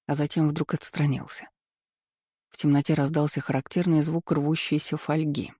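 A man reading a first-person romance novel aloud in a calm, even, unhurried way. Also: on the high side, no room sound, studio quality. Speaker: audiobook narrator.

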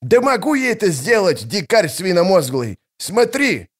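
A man's voice: on the high side, very animated, normal speed, darkish tone, voice pushed up. A man narrating an audiobook, voicing an irritable, hot-tempered male army mage. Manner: snappy, irritable.

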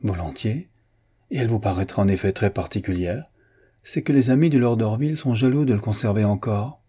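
A sharp-tongued society lady who delivers her lines in a dry, ironic way, as a male reader puts her on. The voice is dark and a little husky. This is a storybook reading. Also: fairly low pitch, a little fast. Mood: sardonic. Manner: dry, sardonic.

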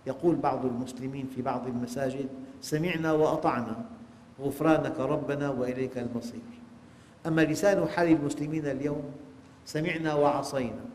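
Male sheikh, lecture on scripture, fairly high voice, emphatic preaching, long hall reverb. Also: darkish tone. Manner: emphatic preaching, rhetorical questions to listeners. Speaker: sheikh giving Quran exegesis. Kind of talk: religious lecture.

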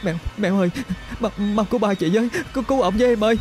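A man voicing a frightened young woman who stammers and pleads in panic, pitched far above his own voice. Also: very fast, darkish tone, close to an everyday voice. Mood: terrified.

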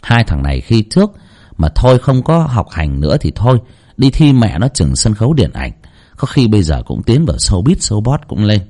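A man narrating a horror story audiobook in a dramatic, expressive storytelling manner. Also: lowish voice, normal speed.

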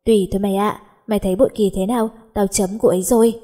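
A charming, easygoing teenage boy, read by a woman narrator. The voice is mellow and a little husky. He jokes with his friend. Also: mid-range voice, steady tone, rapid-fire, lightly acted.

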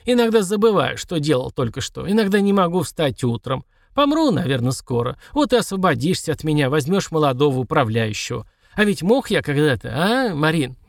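A man's voice: a little high, sing-song, brisk, gravelly, hardly any pauses, no echo. An eighty-year-old manservant, as a male audiobook reader puts him on, cantankerous and cheeky, grumbling in a raised, pinched voice. The sound is close and dry, with no room around it. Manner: scolding, grumbling. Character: old male servant, grumpy, tipsy, cheeky.

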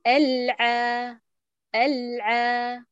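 Slow, hesitant female student over lo-fi audio. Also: fairly high pitch, flat delivery, smooth, no room sound. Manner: soft, hesitant, repeats after the teacher. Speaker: recitation student. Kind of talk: reciting and answering in a lesson.

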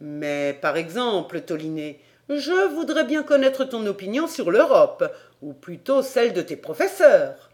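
A woman voicing an excitable middle-aged male French geographer who bursts into loud, fussy exclamations. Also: mid-range voice, unhurried, few pauses. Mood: excited.

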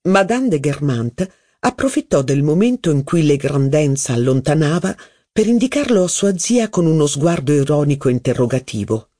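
An audiobook narrator giving an expressive, scripted reading of a classic novel on a close studio mic. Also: medium pitch, moderate pace, no echo.

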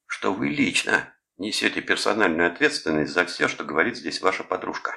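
A man's voice: low-pitched, sing-song, brisk, vocal fry, bright, forceful tone, pitched above the performer's own voice, exaggerated voice. A man voicing a cocky teenage boy who taunts a soldier with mock-formal politeness. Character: cocky teen male prankster, mocking.

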